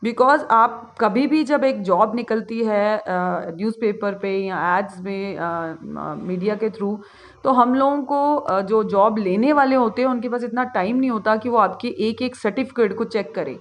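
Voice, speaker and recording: A woman's voice: medium pitch, a little slow. A woman teacher with an Indian accent giving a lecture from slides, switching between Hindi and English with frequent hesitations. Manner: mixes Hindi and English, many filler sounds. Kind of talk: classroom lecture on a slide presentation.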